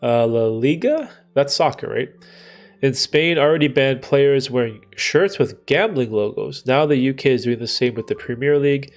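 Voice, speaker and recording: A Canadian man with a mid-range voice hosts a live Q&A stream at a moderate pace, answering his chat casually. Stuffed up from a cold, he rambles and thinks aloud, full of fillers and restarts.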